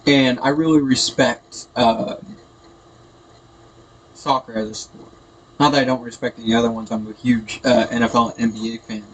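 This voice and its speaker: A gaming host with a mid-range voice speaks flatly at a moderate pace, leaving long pauses as he rambles hesitantly through casual commentary. His built-in computer microphone sounds tinny and echoey, with background noise.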